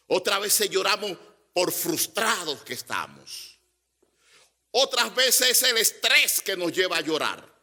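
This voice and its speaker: Bright, lively-voiced male preacher in a hall. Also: a little high. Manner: preaching with emphatic rising repetitions. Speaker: pastor. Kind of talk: sermon.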